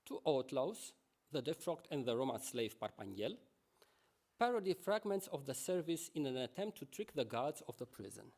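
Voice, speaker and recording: A man giving a conference lecture. He reads a prepared text at a measured pace and adds asides to the audience. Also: medium pitch, big pitch swings, darkish tone.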